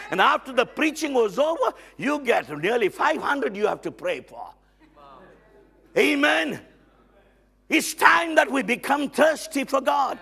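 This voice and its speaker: On a church stage set with band instruments, a middle-aged man preaches a lively sermon as a guest. His voice is very high-pitched, creaky, and husky, and he's loud and excitable, calling out amens and hallelujahs often.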